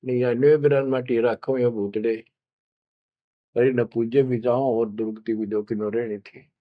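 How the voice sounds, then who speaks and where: Slow preacher, dull dry sound. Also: male voice, medium pitch, steady tone, no room sound. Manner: earnest, chanting verses slowly. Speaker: devotional preacher. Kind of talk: devotional storytelling sermon.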